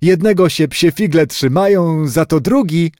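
Guy putting on a high-pitched old granny, touchy and proud, sing-songy, dry close sound. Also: moderate pace, a little mellow, dry recording, natural voice. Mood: coaxing. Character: elderly grandmother, proud and easily offended.

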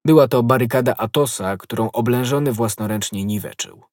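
A man narrating an audiobook in a steady, measured reading voice. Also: mid-range voice, no room sound. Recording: dry close studio voice.

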